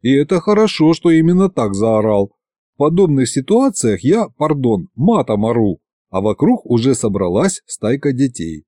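A man narrating an audiobook in a chatty, lively storytelling manner. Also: mid-range voice, moderate pace, dry recording, studio quality.

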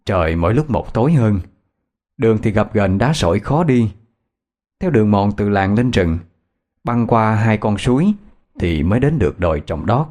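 Man narrating a ghost story, low and lively. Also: normal speed.

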